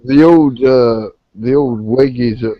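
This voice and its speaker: A man hosts a casual online group chat show, rambling with fillers and swearing. His medium-pitched voice moves at a measured pace over lo-fi, dry online call audio.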